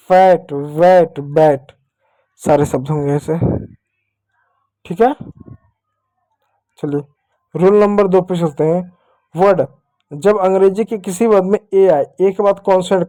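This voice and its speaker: A man's voice: high voice, darkish tone, dry recording. A male teacher giving an online lesson to young children. He patiently drills each point and asks questions that he answers himself. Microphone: writing with a digital pen while talking.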